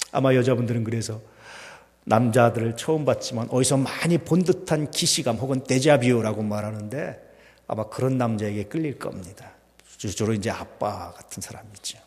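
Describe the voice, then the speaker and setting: A man preaching a sermon as pastor, swinging between loud emphatic peaks and hushed near-whispers, full of rhetorical questions to the congregation. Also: mid-range voice, moderate pace. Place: church sanctuary. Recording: long hall reverb.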